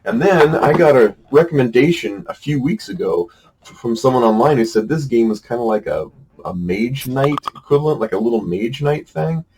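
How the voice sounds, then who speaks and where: A man's voice: medium pitch, animated, moderate pace, a little mellow, slight background noise, rough recording. A middle-aged man hosting a casual talk about board games, chatty and wry, with lots of "uh"s and restarts. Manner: chatty, wry, self-deprecating, with frequent fillers and restarts. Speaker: board game show host.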